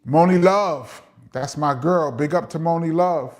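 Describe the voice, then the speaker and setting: A middle-aged man with a New York accent talks casually through a live chat, reading viewer comments aloud. His voice sits a little high for a man. He talks chattily, with plenty of "um"s and laughs along the way. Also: a little slow. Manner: chatty, laughs often, lots of "um" fillers.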